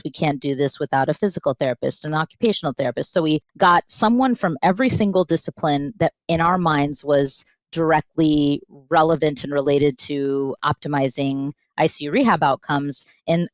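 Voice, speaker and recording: A woman, a pediatric intensivist, telling the story of her program in a lively conversational podcast interview, acting out remembered dialogue as she goes. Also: sits low, dry recording. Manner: animated storyteller, acts out quoted dialogue.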